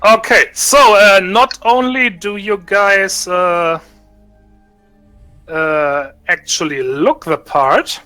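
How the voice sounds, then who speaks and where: A man narrating a tabletop role-play session as game master, halting with many restarts and fillers. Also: sits high, fairly even intonation, sharp tone, faint music behind.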